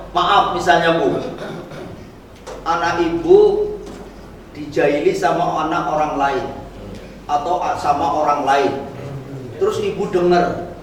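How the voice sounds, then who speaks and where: A man's voice: extremely high pitch, fairly bright tone. A man preaching a dawn sermon in a mosque, explaining terms and putting questions to the congregation. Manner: explanatory, asks the audience questions. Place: mosque prayer hall. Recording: echoey hall from far off.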